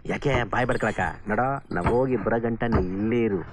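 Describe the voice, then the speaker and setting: An actor playing a scheming middle-aged village leader who gives bossy orders in film dialogue. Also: male voice, medium pitch, steady tone, fast, noisy background, lightly acted. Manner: bossy, commanding.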